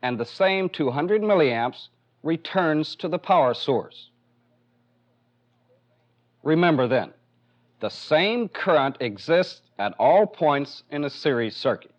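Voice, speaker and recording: A man with an American accent, instructing in a training film, goes through a technical demonstration step by step, methodical and plainly explanatory. His slightly high voice is animated, and he takes it slowly with long pauses. The recording is a dull, band-limited 1970s film soundtrack.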